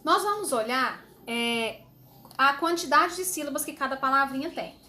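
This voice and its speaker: A woman teacher explaining a homework sheet to young children, slowly and patiently, with fond little words. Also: high-pitched, very noisy. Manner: slow, patient, uses diminutives. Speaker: schoolteacher.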